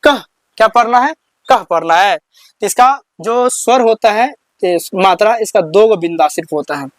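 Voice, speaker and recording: "What will we read?" asks a male Hindi teacher with a high voice, then answers it himself as he teaches the alphabet in a slow, classroom-like explanation. He counts slowly and turns questions back to his students. The audio is close and dry, with no echo from the room.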